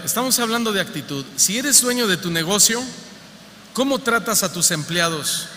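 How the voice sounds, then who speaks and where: A man's voice: sits high, bright, forceful tone, a little hiss or hum. A man with a Mexico City accent preaching a sermon as pastor, in a conversational, humorous way full of rhetorical questions. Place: church hall. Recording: reverberant church hall, faint ambience.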